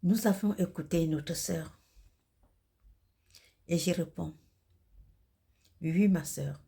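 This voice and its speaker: A video host who calls herself a messenger of God, this Cameroonian woman speaks with a husky, gravelly, lowish voice that carries a warm tone and a Cameroonian French accent. Her religious monologue comes in solemn, declamatory, halting phrases.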